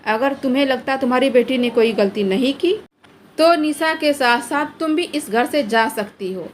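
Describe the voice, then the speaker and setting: A woman's voice: high-pitched, normal speed, slight background noise, close to an everyday voice. A woman voicing a stern, angry middle-aged father who scolds and gives orders in a spoken story. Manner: scolding, commanding.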